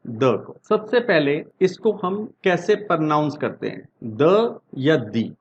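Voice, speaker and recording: A man teaching English grammar in Hindi. He asks his class questions and answers them himself, and reads the example sentences slowly. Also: fairly high pitch, highs cut off, slight background noise. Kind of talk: Hindi-language grammar lesson.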